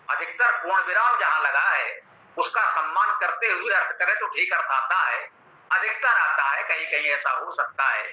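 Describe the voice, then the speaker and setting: Hindi-accented male scripture teacher, high bright voice, measured lecture, roomy dull recording. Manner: measured, teacherly, repeats and glosses Sanskrit terms. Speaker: Vedic scholar explaining a mantra.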